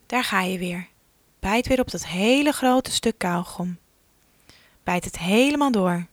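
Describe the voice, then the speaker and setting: Slow gentle lady doing a kids relaxation exercise, soft whispery bits, dry close sound. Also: medium pitch, no room sound. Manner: slow, soothing instructions, often dropping to a soft whisper. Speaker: relaxation guide for children.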